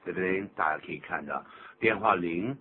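An older man hosting a radio English lesson, explaining phrases in an animated, teacherly way. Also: deep voice, fairly quick. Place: radio studio. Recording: tinny lo-fi radio broadcast with faint hum.

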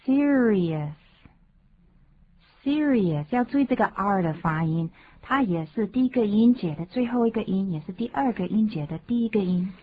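A woman co-hosting a radio English lesson, reading dialogue lines slowly and clearly and adding short notes in Mandarin. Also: medium pitch, lively intonation, phone-quality sound. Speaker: English co-host.

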